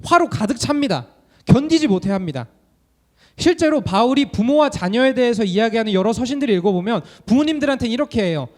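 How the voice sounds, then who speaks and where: A young man preaching a sermon as a student minister, animated and full of rhetorical questions. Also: extremely high pitch, fast.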